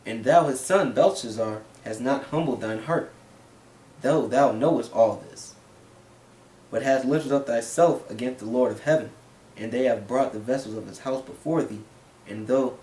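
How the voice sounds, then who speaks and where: Here a man with a medium-pitched, darkish voice reads scripture at a normal speed to a small discussion group, lifting his emphasis on key phrases. The echoey room, far-off microphone, and faint hiss are all audible.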